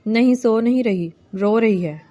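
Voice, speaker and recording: Woman reading a weary older mother, affectionate, fairly high mellow voice. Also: muffled recording, close to an everyday voice. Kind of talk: novel reading.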